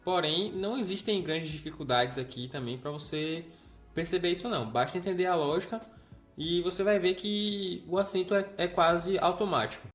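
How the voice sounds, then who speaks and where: A man's voice: sits high, moderate pace, soft background music. A man teaching a grammar lesson, explaining step by step and checking in with the viewer.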